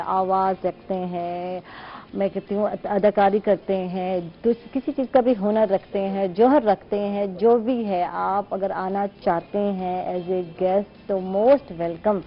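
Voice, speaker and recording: A morning show host, a woman, talks to viewers in a loose, conversational way and stretches out the words she stresses. Her throat is a little sore and her nose is stuffed up. The TV studio audio sounds dull and lo-fi, with a faint hiss underneath. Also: mid-range voice. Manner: relaxed, conversational, drawn-out emphasis. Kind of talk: chatty talk to the viewers.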